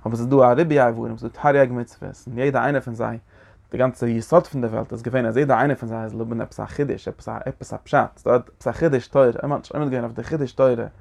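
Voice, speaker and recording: Gravelly-voiced man giving a halting lecture. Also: mid-range voice, fairly even intonation, a little mellow. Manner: halting, repeats and restarts phrases. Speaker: teacher. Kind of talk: religious text lecture.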